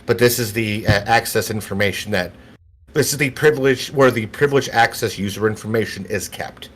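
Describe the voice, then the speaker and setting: A man's voice: fairly low pitch, a little fast, a little hiss or hum. A man running a tabletop game as game master, narrating scenes and asking players for checks. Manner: relaxed, laughs often, stumbles and restarts while describing scenes.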